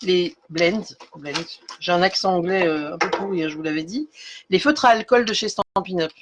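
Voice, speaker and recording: A woman's voice: lowish voice, fairly quick, very noisy. A woman hosting a live craft tutorial, explaining step by step with many fillers and greeting viewers by name as she works. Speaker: craft demonstrator.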